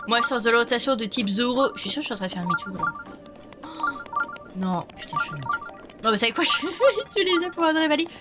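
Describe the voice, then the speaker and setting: Talking to viewers from home as she plays, a young streamer laughs a lot and keeps the chat going, though a cold leaves her sounding stuffy and a bit nasal. Her high, sing-song voice moves briskly with long pauses, and game music plays in the background.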